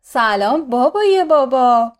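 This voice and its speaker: A woman's voice: sits high, lively intonation, darkish tone. A woman voicing a cheerful little millipede child. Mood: delighted.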